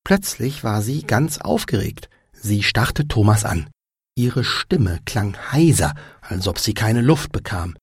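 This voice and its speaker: Slow, husky male language teacher. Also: on the low side, very animated, no echo. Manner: slow, deliberate drilling of phrases. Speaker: language podcast host. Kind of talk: slow instructional narration.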